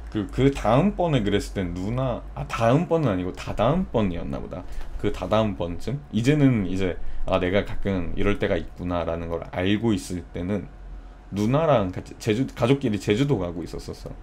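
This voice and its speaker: A man's voice: fairly low pitch, lively intonation, normal speed, a little mellow, slight background noise. A young man streaming, chatting casually and telling a story with acted-out quotes. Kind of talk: casual live-stream chat.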